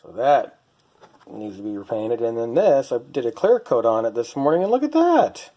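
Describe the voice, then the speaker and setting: A man's voice: mid-range voice, expressive, moderate pace, mellow. A middle-aged man hosting his own hobby vlog, talking casually and wryly about restoring toy cars in his home workshop. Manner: chatty, self-deprecating, wry. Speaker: hobbyist channel host.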